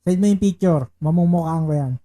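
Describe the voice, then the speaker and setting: A male live-streamer playing baccarat talks loosely and casually, reading viewer shoutouts and rattling off repeated betting calls. His warm, mellow tone stays relaxed, sitting a little high, and he speaks briskly.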